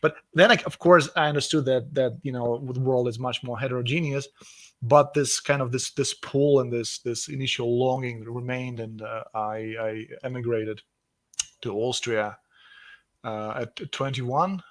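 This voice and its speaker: A man from Russia, speaking with a Russian accent, is an author guest in a casual video call interview. His mid-range voice is steady and moderately paced with no room sound, and he sounds enthusiastic, often repeating words as he searches for phrasing.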